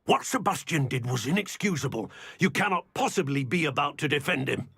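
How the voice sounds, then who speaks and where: An actor voicing a stern, indignant older uncle in a video game, commanding and moralizing like a strict family patriarch. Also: male voice, on the high side, animated, a little fast, creaky, pushed and bright, slightly rough, no echo, heavily acted. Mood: outraged. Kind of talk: dramatic video game dialogue.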